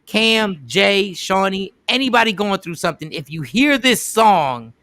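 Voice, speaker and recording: A radio show host telling a story casually, with emphatic repeats and quoted voices. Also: male voice, high-pitched, lively intonation, measured pace, bright, forceful tone, dry recording, studio quality.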